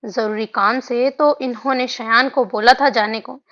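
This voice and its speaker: Woman reading a romance story, fairly high voice, muffled lo-fi audio. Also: steady tone, measured pace, a bit bright. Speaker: audiobook narrator. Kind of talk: reading a romance novel aloud. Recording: dull lo-fi audio.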